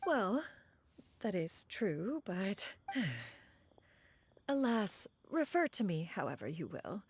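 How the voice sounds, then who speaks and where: A woman's voice: medium pitch, big pitch swings, slow pace, a little hiss or hum. An actress playing a dignified, aloof lady collector in a video game, with a formal, old-fashioned, haughty way of talking. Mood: awkwardly polite.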